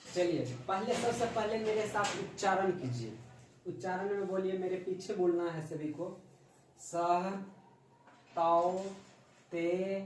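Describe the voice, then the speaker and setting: A man teaching a beginners' language lesson, drilling words one by one and pausing for the class to repeat. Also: high-pitched, darkish tone, distant mic, a little hiss or hum. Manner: slow, drawn-out drilling, pausing after each word. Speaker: Sanskrit teacher. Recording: echoey room, voice off-mic.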